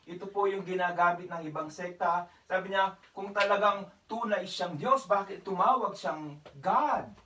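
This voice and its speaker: High, bright-voiced man preaching. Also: moderate pace, echoey room, recorded from a distance, a little hiss or hum, rough recording. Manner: polite preaching, mixing Tagalog with English phrases; raises his voice for emphasis at times. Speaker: pastor. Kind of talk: church sermon.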